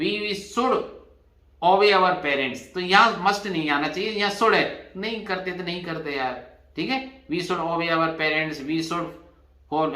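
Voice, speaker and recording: A man's voice: sits high, pushed and bright, roomy sound. A man teaching an exam revision lesson, explaining patiently and spelling words out letter by letter. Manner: addresses students as "bhai".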